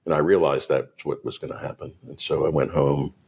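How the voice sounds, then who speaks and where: A middle-aged man speaks in an extremely low, gravelly voice with a rough, husky texture. He tells his business story casually as a podcast guest and acts out the people he talks about. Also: fairly even intonation, brisk, a little mellow. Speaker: guest entrepreneur.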